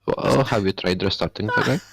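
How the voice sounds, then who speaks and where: Young man, giggly interrupter in voice chat, lower pitch. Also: normal speed, vocal fry, background noise. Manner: giggly, keeps interrupting with "wait". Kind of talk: casual gaming voice chat.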